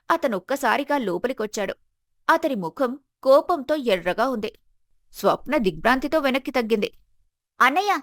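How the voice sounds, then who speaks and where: A woman narrating a moral story in an even, measured storytelling manner. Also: a little high, dry recording, clean studio sound.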